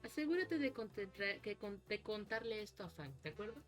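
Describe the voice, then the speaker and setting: A woman reading a visual novel aloud and putting on a big, motherly dinosaur lady with a Mexican accent, scolding yet caring in a game-reading voice. Her pitch jumps up now and then, and her lines come out a bit loud. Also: animated, brisk, soft background music, natural voice. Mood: firm. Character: large motherly female dinosaur woman, blunt.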